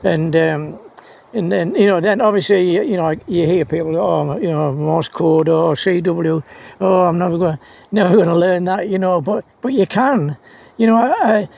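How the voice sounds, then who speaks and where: An amateur radio hobbyist vlogger, a man with a high-pitched, gravelly, slightly mellow voice, speaks at normal speed. He rambles casually and enthusiastically about his hobby, often repeating words as he hesitates.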